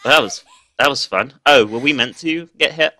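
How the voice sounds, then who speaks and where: A man's voice: medium pitch, normal speed, pushed and bright, dry recording. A young man, nervously commenting and swearing while playing a horror game for viewers. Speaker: gaming video host.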